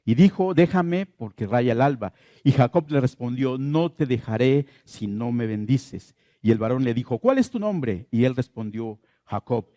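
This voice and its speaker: A man's voice: mid-range voice, moderate pace, dark tone, dry recording, studio quality. A man preaching a sermon as pastor, asking the congregation questions and repeating his key phrases.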